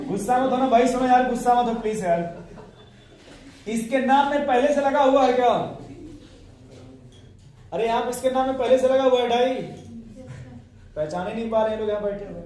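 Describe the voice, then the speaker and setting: A man's voice: extremely high pitch, moderate pace, pauses often, warm tone. A man teaching chemistry in a classroom, coaxing answers from his students with questions and light teasing. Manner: coaxing, asks students questions, jokes with them. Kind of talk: classroom lecture. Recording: echoey classroom, mic from a distance.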